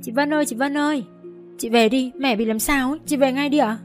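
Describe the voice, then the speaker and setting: A woman's voice: high voice, fairly even intonation, brisk, soft background music, voice pushed up, natural voice. A woman voicing a young boy who cries and pleads over the phone in an audiobook story. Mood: tearful pleading. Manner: crying, pleading. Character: young boy, tearful and panicked.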